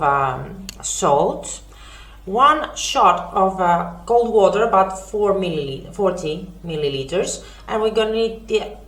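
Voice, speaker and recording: A woman's voice: medium pitch, a bit bright, roomy sound. A woman hosting a home cooking lesson, chatty, with many fillers and self-corrections. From Greece. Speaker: cooking show host.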